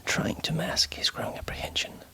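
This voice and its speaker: Reading his story in a whisper, a male writer edits as he speaks, stumbling into fillers and fixing his own wording for ASMR listeners. The delivery is a little fast, pushed and bright.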